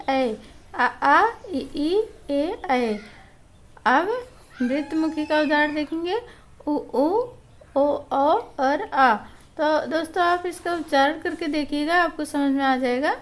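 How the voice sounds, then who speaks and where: A woman teaching a Hindi grammar lesson to camera, patiently repeating each definition and drawing out the example sounds. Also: sits high. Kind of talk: explanatory online lesson.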